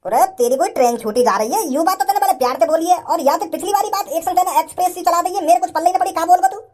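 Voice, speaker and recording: Someone voicing a high-voiced short-tempered village father. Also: racing, darkish tone. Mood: mocking. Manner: mocking, then bossy and threatening. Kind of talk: cartoon voice acting.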